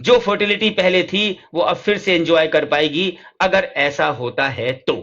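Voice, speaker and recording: A man teaching literature, stepping slowly through English points and then explaining them quickly in Hindi, often asking questions and answering them himself. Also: high-pitched, fairly bright tone. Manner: slow, deliberate English lines and rapid Hindi explanations. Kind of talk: lecture mixing Hindi and English. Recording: dull lo-fi recording.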